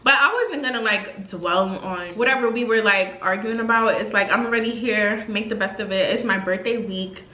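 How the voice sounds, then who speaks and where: A woman in her twenties tells a casual storytime to her vlog, chatty and expressive with plenty of slang and fillers. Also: medium pitch, moderate pace, few pauses, roomy sound, low-quality recording. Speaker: vlogger.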